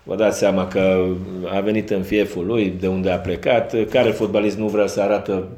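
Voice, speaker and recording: A man's voice: sits low, little pitch movement, darkish tone. A man speaking as a football coach at a post-match press conference, frank and self-critical. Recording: roomy echo.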